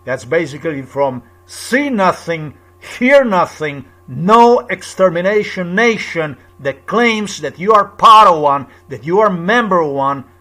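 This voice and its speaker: A man's voice: sits high, lively intonation, measured pace, few pauses, bright, forceful tone. A man from Slovenia with a Slovenian accent, speaking to camera in an insistent, repetitive, lecturing monologue. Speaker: video blogger.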